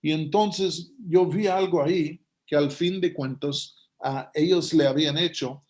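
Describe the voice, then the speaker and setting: A man's voice: on the high side, fairly even intonation, measured pace, a little mellow. A man preaching a sermon, retelling Bible stories and acting out their dialogue in a storytelling manner.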